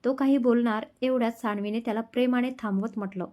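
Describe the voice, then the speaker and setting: A woman storyteller reading a romance story aloud in a gentle, emotional narrating style. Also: fairly high pitch, steady tone, fast talker. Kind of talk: scripted narration.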